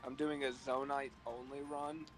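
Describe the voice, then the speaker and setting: A man's voice: medium pitch, level tone, moderate pace, music in the background, poor audio. A man joking and teasing in casual banter over a voice call. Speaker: co-host on a voice call.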